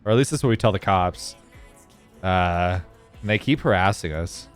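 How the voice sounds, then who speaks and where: A man's voice: sits low, lively intonation, normal speed, smooth, soft background music. A man chatting casually with his viewers during a live game stream, rambling and thinking aloud as he plays. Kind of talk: casual live-stream chat while gaming.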